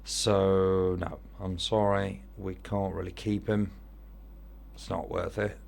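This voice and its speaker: A man's voice: low voice, little pitch movement, slow, gravelly, a little mellow. A man with an Italian accent giving casual commentary on an online football manager game, thinking aloud as he weighs his choices.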